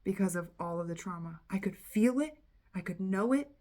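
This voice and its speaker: A woman gives a casual spiritual channeling talk as a tarot reader and coach. She speaks candidly and earnestly, drops the odd swear word and acts out inner voices with animation. Her pitch sits in the middle range for a woman. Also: lively intonation, moderate pace, dark tone.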